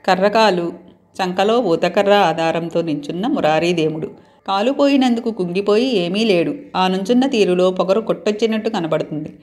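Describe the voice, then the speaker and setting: As the channel's storyteller, a woman reads a romantic story aloud at normal speed in a mid-range voice. She is expressive and gives the dialogue real feeling.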